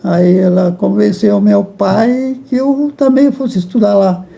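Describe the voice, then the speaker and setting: An older man, talking as an interview guest. His voice is fairly high for a man, strongly gravelly and dark. He speaks haltingly, repeating words and chuckling as he remembers. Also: steady tone. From Rio Grande do Sul, Brazil. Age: 80s. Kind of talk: reminiscing in a casual interview.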